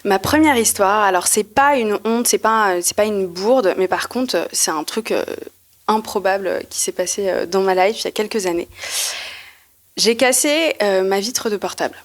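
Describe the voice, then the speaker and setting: A woman's voice: medium pitch, normal speed. A young woman telling a funny personal story at a live podcast recording, in casual slangy speech, acting out what she thought back then. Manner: lively and slangy, acts out her own past thoughts. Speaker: guest storyteller.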